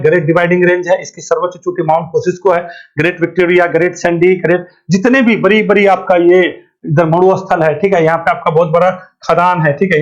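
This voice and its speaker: A man runs an exam-prep lesson. He fires off questions and answers them himself, dropping "thik hai" again and again. The recording is dull and lo-fi. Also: high voice. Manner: colloquial, keeps asking and answering his own questions with "thik hai". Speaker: current affairs teacher. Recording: dull lo-fi sound.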